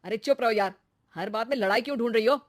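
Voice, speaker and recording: A woman voicing a young husband in a cartoon moral story, a man who turns irritable and shouts in arguments. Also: mid-range voice, a little fast, no room sound, clean studio sound, close to an everyday voice. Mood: angry. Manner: irritable, shouts when arguing. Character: young male husband, quick-tempered.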